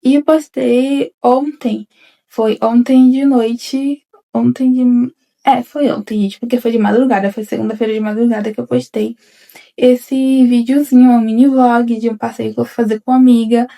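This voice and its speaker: Gravelly-voiced young woman vlogging to camera. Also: a little high, fairly even intonation, moderate pace, warm tone. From Bahia interior, Brazil. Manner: rambling, repeats "gente" often, frequent restarts. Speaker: vlogger, newly graduated dentist. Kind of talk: casual confessional vlog.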